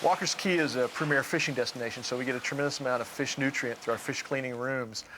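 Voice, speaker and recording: A man's voice: medium pitch, fast talker, noisy background. A man talking earnestly and anecdotally in a documentary interview. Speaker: dive operator. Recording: interview mixed over music.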